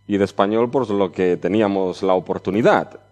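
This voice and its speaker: A middle-aged man from Barcelona, his fairly low, slightly mellow voice moving at normal speed, preaches a conference sermon conversationally. His accent blends Catalan-Spanish with Chilean touches, and he often closes phrases with a checking "¿ya?".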